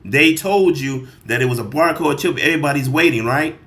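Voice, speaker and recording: This is a man with a fairly high voice, commenting in a heated, irritated way on a clip he is playing. He swears freely and talks directly to his audience. When he reads verses aloud, he slows right down. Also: a bit bright. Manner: irritated, profane, talks straight to viewers; reads scripture slowly and deliberately. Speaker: reaction video host.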